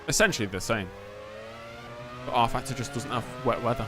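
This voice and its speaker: A man's voice: mid-range voice, fairly quick, music in the background. A man live-streaming a game, giving casual commentary, replying to chat and muttering to himself.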